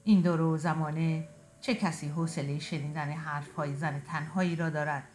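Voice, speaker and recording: A woman reading a short first-person story aloud in a quiet, reflective, tender way. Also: low-pitched, steady tone, a little hiss or hum.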